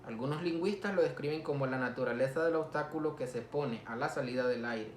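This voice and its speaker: A male teacher, giving a slow phonetics lesson and repeating each example word for students to copy. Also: mid-range voice, a little hiss or hum. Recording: echoey room.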